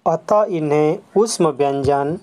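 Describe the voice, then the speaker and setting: With a warm tone and middling pitch, a school teacher explains letters and sounds step by step at an unhurried, deliberate pace. Terms are repeated twice with some English words thrown in, and questions to the class are answered straight away.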